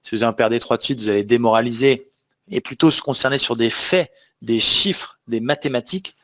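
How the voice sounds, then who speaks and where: A man's voice: mid-range voice, brisk, a bit bright. A man teaching a live online trading webinar, talking emphatically and often checking that the audience understands. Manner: emphatic, asks the audience questions. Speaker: trading trainer.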